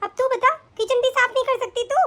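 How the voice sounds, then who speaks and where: A woman plays an elderly mother-in-law in a cartoon story who scolds her daughter-in-law. She sounds reproachful, and the voice is pitched very high. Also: fairly even intonation, fairly quick, a bit bright.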